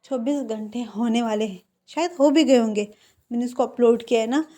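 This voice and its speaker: A woman's voice: fairly high pitch, a little fast, dark tone. A woman narrating a fan fiction story in a chatty way and talking straight to her viewers. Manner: chatty, addresses viewers directly.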